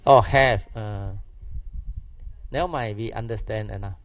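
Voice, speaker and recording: A man teaches informally in colloquial Malaysian-accented English, full of clipped slang phrases and particles. His voice is on the low side and his pace is very unhurried. The recording sounds somewhat dull and lo-fi. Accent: Malaysian or Singaporean English. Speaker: Buddhist teacher. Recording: muffled, dull lo-fi audio.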